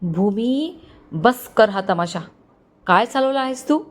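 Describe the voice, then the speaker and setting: A woman's voice: fairly high pitch, animated, slow pace. Woman doing a young groom, stern, reproachful, angry and cold, storybook reading.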